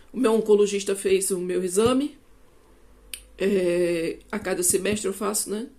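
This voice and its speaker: A Brazilian woman in her fifties with a Brazilian Portuguese accent, telling a personal testimony to her channel in an animated way. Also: medium pitch. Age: 50s. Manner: animated storytelling, acting out dialogue. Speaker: vlogger.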